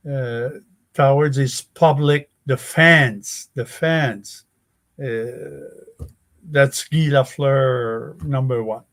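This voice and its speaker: A man with a French-Canadian accent, a native French speaker, gives a halting, heartfelt reminiscence as an interview guest, repeating phrases. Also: medium pitch.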